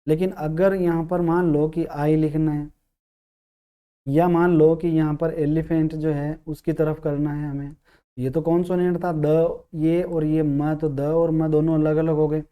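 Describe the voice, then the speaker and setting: A man's voice: a little high, little pitch movement, dark tone, smooth. Man explaining grammar with rhetorical questions. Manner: sounds out syllables slowly. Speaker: English teacher. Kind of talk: grammar lesson.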